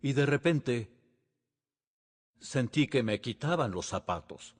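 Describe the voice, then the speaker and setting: A man's voice: mid-range voice, expressive, slow pace, breathy edge, big-room sound. A male pastor preaching earnestly, often asking the congregation rhetorical questions. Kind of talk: sermon. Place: church sanctuary.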